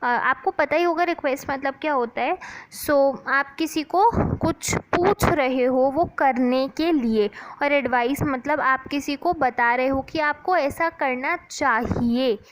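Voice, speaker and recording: A woman teaching English grammar in a casual classroom manner, chatting in Hindi and reading English definitions slowly and deliberately. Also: sits high, rough recording.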